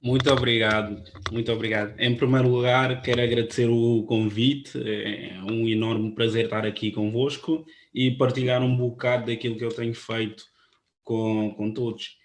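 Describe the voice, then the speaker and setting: Guy from presenting at an online panel, earnest, pretty flat voice, lots of ahs. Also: mid-range voice. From Guinea-Bissau. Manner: earnest, halting, with many fillers. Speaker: panel speaker, photographer.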